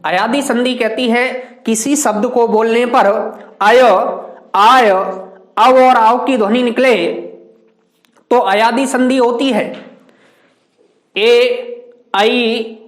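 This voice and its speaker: A man's voice: very high voice, fairly even intonation, slow, pauses often, a bit bright, reverberant. A man teaching a grammar lesson, who asks questions and answers them himself and stretches out the example words.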